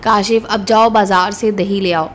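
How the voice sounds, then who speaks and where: A woman's voice: medium pitch, steady tone, normal speed, a little hiss or hum, close to an everyday voice. A woman voicing a loving, cheeky young wife in a read-aloud story. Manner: warm, teasing.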